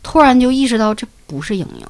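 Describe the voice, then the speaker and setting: A woman with a Northeastern Mandarin accent telling a ghost story on a podcast. She is earthy and animated, swears freely, and acts out voices and sound effects. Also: on the high side, fast, a little hiss or hum. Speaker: podcast co-host.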